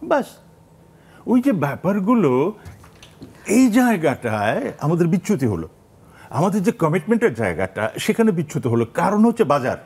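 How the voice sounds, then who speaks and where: A middle-aged man, a guest on a studio talk show, speaking in an animated storytelling way. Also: sits high, normal speed, pauses often, husky. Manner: animated, storytelling with quoted voices. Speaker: guest, documentary maker and actor. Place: television studio.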